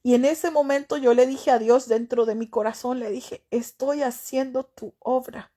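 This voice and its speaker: Woman, middle-aged, pastor, testimony sermon, fervent, repetitive, mellow tone, higher voice. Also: fairly even intonation, moderate pace. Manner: emotional, repetitive, fervent preaching.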